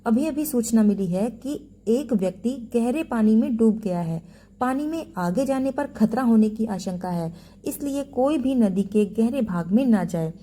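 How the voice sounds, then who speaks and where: A woman's voice: a little high, expressive, moderate pace, dark tone. Fair-ground safety announcer, as a woman voices it. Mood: official. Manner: formal, announcing.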